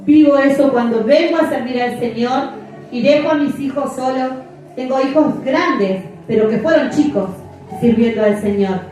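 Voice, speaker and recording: A woman's voice: high-pitched, moderate pace, mellow, a little hiss or hum. Emphatic woman pastor. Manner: emphatic, repeats phrases for effect. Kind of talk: sermon. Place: church. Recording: echoey church from far off.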